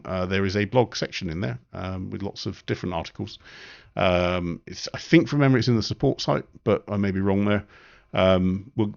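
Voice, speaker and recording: Man, very low voice, live-stream editing tutorial, relaxed, lots of ums, slightly muffled audio. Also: creaky. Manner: relaxed, thinking aloud with frequent ums. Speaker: photo editing instructor.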